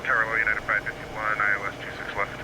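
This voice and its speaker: A man's voice: fairly low pitch, completely flat delivery, fast, noisy background. A man speaking as an airline pilot over the radio, calling the tower in clipped radio phraseology. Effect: pilot heard over the radio.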